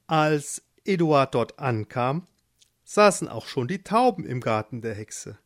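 A storyteller reading a children's story aloud in a slow, expressive way. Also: mid-range voice, no echo, clean studio sound.

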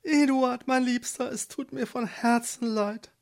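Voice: mid-range voice, steady tone, a little slow, vocal fry, voice pushed up. A narrator voicing a desperate young pregnant wife in a storybook, pleading. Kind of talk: storybook reading.

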